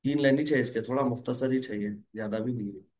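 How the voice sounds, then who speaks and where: A man's voice: mid-range voice, quick pace, a little mellow. A man teaching Quran recitation rules, patiently correcting a student and explaining step by step. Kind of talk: online tutoring lesson.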